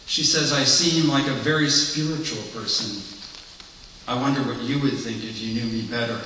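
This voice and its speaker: A man's voice: medium pitch, moderate pace, bright, forceful tone, slight background noise, natural voice. A man reading the part of an earnest blind man confiding his past to a priest, in a candid, reflective monologue, heard in an echoey hall from far off.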